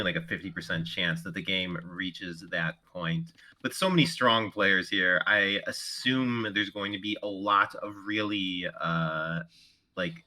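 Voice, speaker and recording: Co-caster dude breaking down the game, lotta "like"s, bright edgy voice. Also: male voice, low voice. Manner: analytical, filler-heavy, with many "like" and "uh". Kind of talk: live game commentary.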